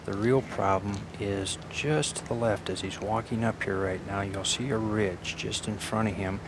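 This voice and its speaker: A man giving live golf commentary in a measured, analytical way, with short clipped phrases and pauses. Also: on the low side, steady tone. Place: outdoors at a golf tournament. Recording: noisy outdoor broadcast with crowd.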